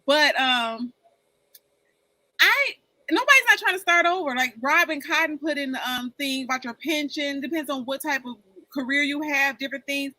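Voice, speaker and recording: A woman's voice: high voice, moderate pace, pushed and bright, no echo, low-quality recording. A woman in her forties talking candidly in a casual group chat, rambling and often repeating herself. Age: 40s. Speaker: panel guest.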